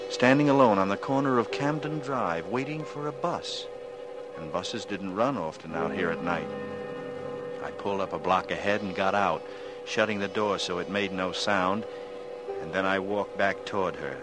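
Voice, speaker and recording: An actor playing a brooding killer who narrates his own story in a 1940s radio drama, in a low, measured, menacing way.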